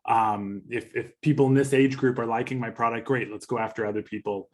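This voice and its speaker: A man with a Californian accent giving a relaxed social media workshop, chatty and easygoing. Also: mid-range voice, brisk. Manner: chatty, laughs easily, restarts phrases. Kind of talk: casual workshop talk.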